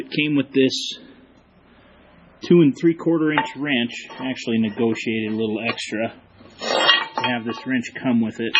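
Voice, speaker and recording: Man, casual shop talk, out of breath, muffled lo-fi sound, faint background noise. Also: mid-range voice. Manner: relaxed, explains work to viewers while doing it. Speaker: host. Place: workshop.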